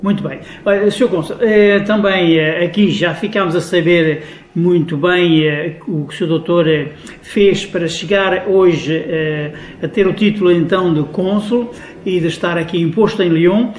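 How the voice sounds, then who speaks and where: A man's voice: high-pitched, fairly even intonation, moderate pace. A man interviewing a diplomat for radio, asking polite, formal questions full of filler sounds. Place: guest's office. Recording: echoey room.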